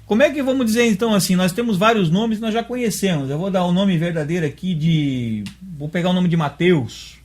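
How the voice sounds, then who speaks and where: Husky Brazilian man explaining patiently. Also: high voice, a little fast, few pauses, a little mellow. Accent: Brazilian Portuguese. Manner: explains step by step, often checks understanding with tag questions. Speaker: religious teacher. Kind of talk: explanatory dialogue lesson.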